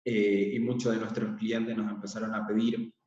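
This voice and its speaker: A man from Israel, a workshop facilitator, presenting calmly online and explaining with frequent hesitant fillers. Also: lowish voice, normal speed. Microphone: laptop mic on a video call. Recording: echoey, distant, dull video call audio.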